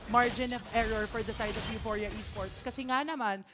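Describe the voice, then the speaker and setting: An esports caster breaking down plays in emphatic, fast commentary, tagging points with a quick "no". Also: medium pitch, steady tone. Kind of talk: analytical game commentary. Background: music.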